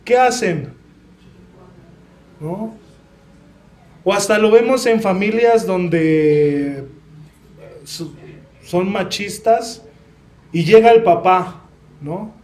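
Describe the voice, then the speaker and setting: A man's voice: sits high, extremely slow, pauses often, darkish tone. A young man preaching a sermon in a Mexican Spanish accent, earnest and personal, often asking the congregation questions.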